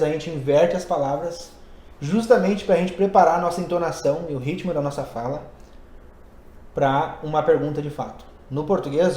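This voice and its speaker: With a slightly high, warm voice, this English and Portuguese teacher runs a laid-back podcast. He explains concepts in a conversational way, thinking out loud, in a recording with roomy echo.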